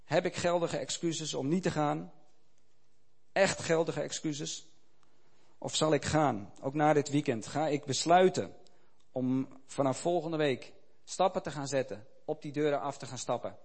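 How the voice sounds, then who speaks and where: A man's voice: on the high side, unhurried, slightly rough. A man preaching an impassioned sermon and leading a prayer. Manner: impassioned, rising to loud climaxes. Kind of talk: sermon with retold story and prayer.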